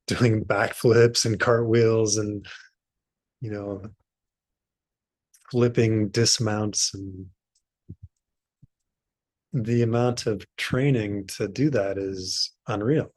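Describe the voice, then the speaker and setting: A man leading a meditation group in casual talk, unhurried and thinking aloud with pauses. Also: fairly low pitch, a little mellow, dry recording. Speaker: meditation teacher.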